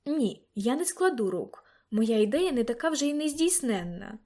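A woman reading a spirited teenage girl in an audiobook, asking brisk, quizzical questions. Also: fairly high pitch, big pitch swings, warm tone. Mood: insistent.

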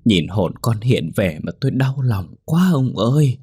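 Storybook figure: a frail sorrowful wife, voiced by a male narrator, faint and husky. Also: mid-range voice, very animated, unhurried, dark tone, no echo, studio quality, voice pushed up, full character voice. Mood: grieving. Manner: weak, plaintive. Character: grieving mother, the landowner's wife.

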